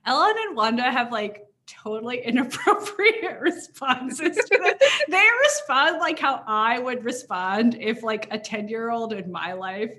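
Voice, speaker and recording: A woman's voice: fairly high pitch, measured pace, hardly any pauses. A woman from Wisconsin co-hosting a podcast, chatting casually and laughing often while recapping an episode. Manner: giggly, animated, laughs often. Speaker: podcast co-host.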